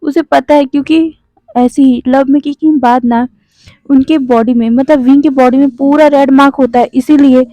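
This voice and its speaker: A woman's voice: high voice, fairly even intonation, moderate pace, warm tone, no echo. A woman casually retelling a fan fiction story in a chatty way, speaking straight to her listeners. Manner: chatty, addresses listeners directly. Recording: dry, dull lo-fi sound.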